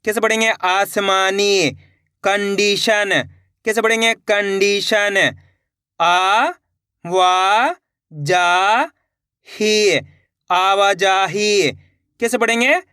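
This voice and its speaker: Male tutor, unhurried syllable-by-syllable drill, crisp voice, dry close sound. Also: high-pitched, bright, forceful tone, no echo. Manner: spells words slowly syllable by syllable, then repeats; addresses viewers as friends, patient and encouraging. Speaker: Hindi reading teacher. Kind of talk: online reading lesson.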